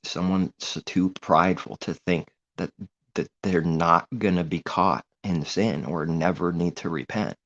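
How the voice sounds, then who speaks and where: A man with a very deep, gravelly voice preaches informally in an earnest, rambling way. The recording is dull and muffled, with a low-fi edge. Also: fairly even intonation, a little slow, fairly bright tone. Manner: earnest, rambling, grows heated. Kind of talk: informal religious monologue.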